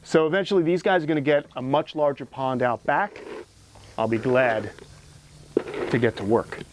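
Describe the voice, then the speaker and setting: Background noise accompanies a man's mid-range voice at a moderate pace as he presents an educational animal tour outdoors by the enclosures. He's an enthusiastic host and keeper, talking casually and emphatically with clear admiration.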